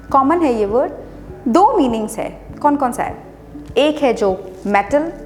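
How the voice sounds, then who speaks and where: Woman English tutor, higher voice, patient, spells words out slowly; long reverb, faint music under her. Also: a little mellow. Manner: patient, repeats each word slowly and spells it out. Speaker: English teacher. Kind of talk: explaining English words in Hindi.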